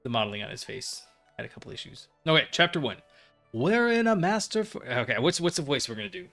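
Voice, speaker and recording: A man's voice: mid-range voice, expressive, quick pace, gravelly, sharp tone, soft background music. A man hosting a let's play, chatting and rambling through stories while he plays. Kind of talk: casual gameplay commentary.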